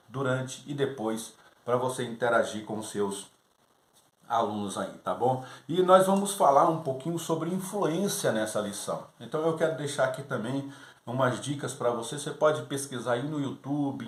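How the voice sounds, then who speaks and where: Man giving teaching tips in an echoey room. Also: mid-range voice. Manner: conversational, often checks in with "tá?". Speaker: Sunday school lesson presenter.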